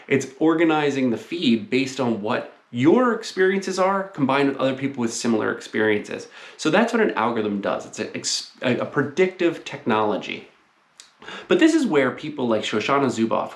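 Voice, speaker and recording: A man's voice: medium pitch, creaky. A man lecturing informally as a college teacher, explaining things to his class in a conversational way. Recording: roomy, echoing sound.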